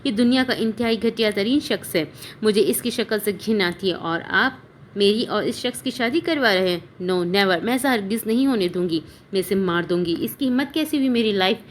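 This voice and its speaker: A woman's voice: mid-range voice, normal speed, slight background noise, lightly acted. A woman voicing a spellbound young bride, furious. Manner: sharp, contemptuous outbursts.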